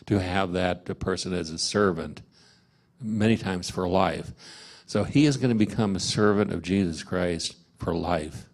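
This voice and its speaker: Low, slow-speaking man leading a Bible study; halting, filler-heavy delivery. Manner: halting, many fillers and restarts. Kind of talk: informal Bible study teaching. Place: parish meeting room.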